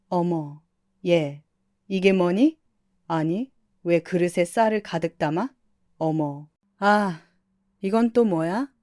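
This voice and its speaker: A woman voicing an indignant older mother-in-law who scolds with shrill exclaiming outbursts. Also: mellow, no room sound, clean studio sound.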